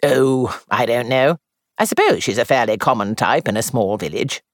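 A woman reading aloud and voicing a practical middle-aged hostess who talks in a brisk, blunt way. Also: very deep voice, expressive, no echo, studio quality. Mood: puzzled.

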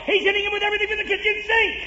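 An actor playing an excitable ringside fight announcer in a 1940s radio comedy sketch, calling punches with shouted play-by-play. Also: male voice, extremely high pitch, racing, loud music behind the voice. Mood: excited. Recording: lo-fi old radio broadcast with loud crowd and noise.

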